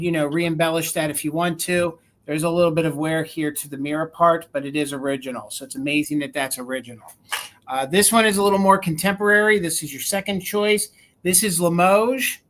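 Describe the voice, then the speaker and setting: A woman with a regional American accent, hosting a live vintage sale, chatting as she describes items and counts down bids. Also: sits low. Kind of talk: live auction selling.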